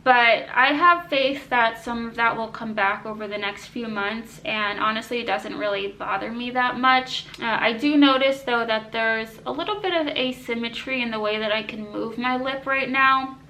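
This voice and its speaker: Woman doing a casual health update vlog, bright highish voice, mouth kinda tight from braces and bands, bit of background noise. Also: moderate pace, few pauses, low-quality recording. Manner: matter-of-fact, explanatory. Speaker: vlogger.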